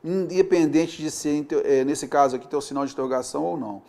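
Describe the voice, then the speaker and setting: A man's voice: fairly high pitch, quick pace, vocal fry, warm tone. A man teaching a recorded grammar lesson, chatting with students and checking in with them constantly.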